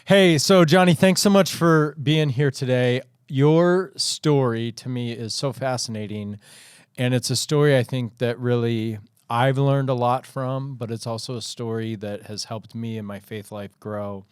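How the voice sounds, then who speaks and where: A man hosts a casual podcast interview, asking questions in an upbeat, friendly, joking manner. His voice sits in a mid pitch and is recorded close and dry, with no room sound. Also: a little slow, smooth, no room sound. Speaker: podcast host.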